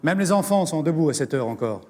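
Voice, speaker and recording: Brief: dreamy, slow-witted FBI inspector, earnest. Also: male voice, on the high side, expressive, darkish tone. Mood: wistful. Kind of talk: film comedy dialogue.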